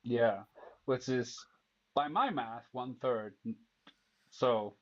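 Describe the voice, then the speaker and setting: A man's voice: mid-range voice, very slow, muffled recording. A man from Iceland, a guest debater in casual chat, who knows his subject and often restarts his sentences.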